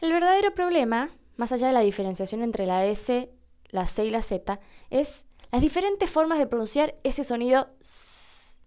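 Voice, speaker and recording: A woman's voice: fairly high pitch, animated, a little mellow, clean tone. A woman, hosting a language lesson and explaining pronunciation patiently with a wry touch. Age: 20s. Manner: patient, wry, with slowed demonstration words. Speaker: Spanish teacher and podcast host.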